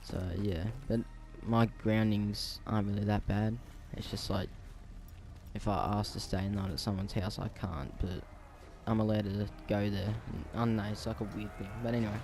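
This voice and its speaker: Rambling Australian teen guy, flat and low. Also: normal speed, slight background noise. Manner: rambling, full of ums and restarts. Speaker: storyteller vlogger. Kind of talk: casual storytime vlog.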